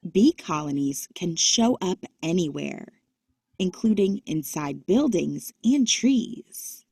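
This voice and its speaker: Reading an educational children's book, a woman with a mellow, lowish, soft-edged voice goes very slowly and carefully, with lively rises and falls. Her voice has a breathy edge, and the recording is dry with no echo.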